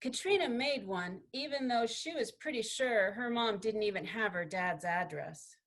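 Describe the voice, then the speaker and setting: Expressive woman reader, picture-book story, slightly high voice. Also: moderate pace. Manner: expressive, gently paced storytelling. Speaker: student presenter. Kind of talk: reading a picture book aloud.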